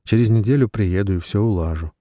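A steady, unflustered husband speaks low and firm, as the male narrator voices him. His voice is deep and mellow. It sounds dry and close. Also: quick pace, no room sound, natural voice. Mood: calm firm. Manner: calm, firm, even. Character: calm, weary man in debt, middle-aged.

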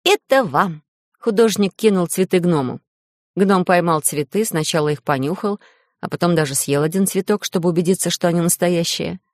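A woman's voice: on the low side, a little fast, no room sound, studio quality. Woman reading a children's story. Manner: lively, expressive storytelling. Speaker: narrator. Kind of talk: children's audiobook narration.

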